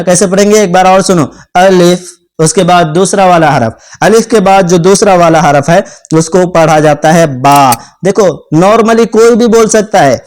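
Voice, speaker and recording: Young man teaching a beginner lesson, a touch high in pitch, slow repetitions, keeps asking if it's understood. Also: a little mellow. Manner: repeats letters slowly, checks understanding often. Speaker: Quran teacher. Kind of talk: patient step-by-step lesson.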